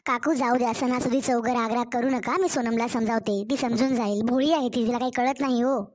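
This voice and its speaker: Kind cartoon neighbour with a Marathwada Marathi accent, high, calm and soothing, voiced by a woman. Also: fairly quick, natural voice.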